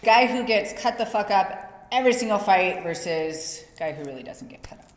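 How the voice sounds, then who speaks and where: A young woman co-hosting a casual talk with dry, teasing banter, her voice in a middle pitch. She is recorded in an echoey space where the reverb hangs on. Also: lively intonation, moderate pace. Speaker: podcast co-host. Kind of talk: casual chat. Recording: echoey room with long reverb.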